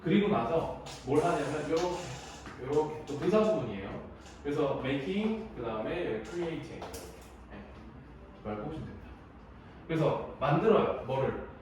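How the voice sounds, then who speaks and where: A man's voice: fairly high pitch, animated, moderate pace, a little mellow, distant mic. A young adult man teaching an English exam lesson in a casual, chatty way, laughing often as he tells stories. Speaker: high school English teacher. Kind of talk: casual classroom lecture. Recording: very echoey room, voice from the mic, faint noise.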